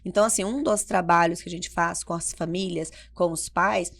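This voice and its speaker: A woman's voice: on the low side, fairly even intonation, moderate pace, creaky, fairly bright tone. A woman consultant co-hosting a podcast, talking energetically and emphatically, explaining with everyday examples. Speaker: family behavior consultant and podcast co-host. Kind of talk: conversational podcast talk.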